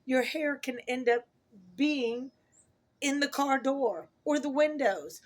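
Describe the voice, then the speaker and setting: A middle-aged woman with a hoarse voice from talking a lot, chatting casually and ramblingly to her viewers as she corrects herself. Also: high voice, slow. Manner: rambling, self-correcting, chuckles at own remarks. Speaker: vlogger. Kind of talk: casual chat to camera.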